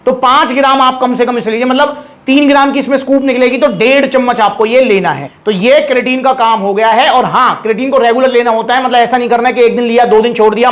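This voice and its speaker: A man's voice: extremely high pitch, fairly bright tone. A man with a Haryanvi Hindi accent, talking casually as a supplement shop host and calling his viewers brother. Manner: chatty, addresses viewers as brother. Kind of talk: casual explainer.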